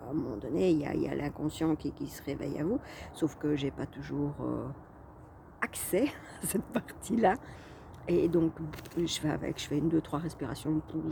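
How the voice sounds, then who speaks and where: A woman coach chats to her viewers in a casual vlog, pausing often on fillers and restarting her phrases. Her voice sits fairly low and sounds mellow and relaxed. A faint hum of room ambience stays behind her. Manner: chatty, hesitant with frequent fillers and restarts. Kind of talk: casual talking-head vlog.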